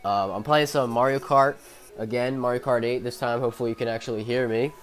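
A sick young man, coughing, commentates on a racing game from his bedroom through a headphone mic, rambling, profane, and self-mocking. He talks fast at medium pitch with fairly even intonation, and faint music plays behind him.

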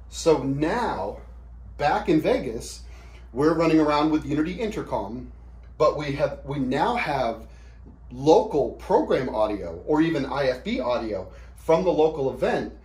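In a small indoor office, a man in his thirties gives an informal whiteboard explainer as a product demonstrator, plain-spoken and conversational. His voice is a little high and a little mellow, and the quick camera shoot sounds roomy and echoey.

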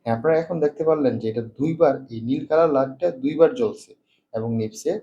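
A man's voice: a little high, dark tone, highs cut off. A man demonstrating a product indoors, explaining step by step while his voice passes through noise-cancelling processing that leaves noise reduction artifacts. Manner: explains step by step with fast, repetitive phrasing. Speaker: tech reviewer. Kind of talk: product demo.

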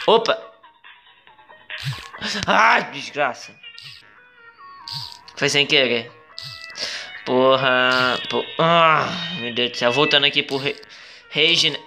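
A man with a Brazilian accent doing gameplay commentary, exclaiming, swearing and pleading at the game, with sudden high yelps. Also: animated, slow pace, vocal fry, pauses often, music in the background. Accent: Brazilian Portuguese. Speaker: gaming video creator.

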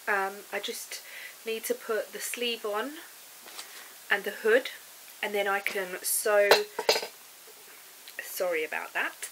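A knitting vlogger with a cold and sore throat sits on her living room sofa, chatting casually to camera and rambling about her knitting with plenty of ums. Her mid-range voice has a sharp, congested tone, and the poor audio carries a little hiss or hum.

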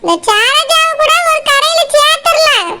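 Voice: very high-pitched, a little slow, full character voice. A performer voicing a stubborn, scheming older village mother-in-law in a cartoon, speaking with a Tirunelveli Tamil accent in a defensive, pleading way. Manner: defensive, pleading, talks at length. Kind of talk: cartoon voice acting. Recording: loud background noise.

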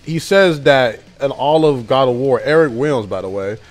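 A man talking casually as a gaming YouTuber, his voice raspy and a bit deeper than usual, with animated delivery and sudden loud bursts. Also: normal speed, faint music behind.

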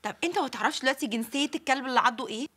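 A woman plays a fussy Egyptian sitcom wife who lectures with alarm. Her voice is high and races along at great speed. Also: very fast, noisy background, natural voice. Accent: Egyptian Arabic. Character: fussy know-it-all woman giving odd advice. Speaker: Rania, the worried wife. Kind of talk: sitcom acting.

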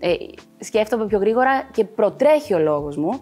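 Woman, voice coach, TV talk show interview, explanatory, frequent fillers, mid pitch, faint music behind. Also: expressive, darkish tone.

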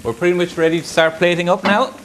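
Pans sizzle loudly in this home-style indoor kitchen as a male chef in his thirties gives a cooking demonstration. His voice sits high and he talks fast, yet he walks through each step of the recipe in a relaxed way.

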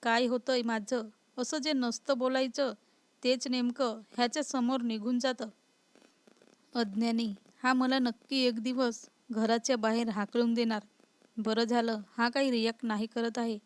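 A woman voicing an indignant young wife who is easily scared and quick to sulk. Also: a little high, little pitch movement, no room sound, close to an everyday voice. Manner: indignant, sulky.

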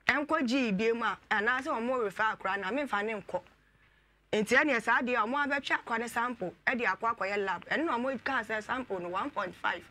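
A woman guest on a talk show, telling her story in a rapid, insistent way. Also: fairly high pitch, bright, forceful tone. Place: TV studio.

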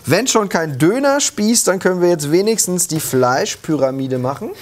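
A man's voice: high voice, expressive, moderate pace. A man in his thirties hosting a casual cooking chat in a studio kitchen, slangy and talkative. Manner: chatty, slangy, talks over others. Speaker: cooking show host.

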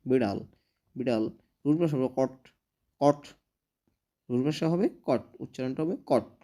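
A young man teaching a vocabulary lesson, saying each word slowly and repeating it several times. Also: mid-range voice, warm tone. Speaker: language teacher.

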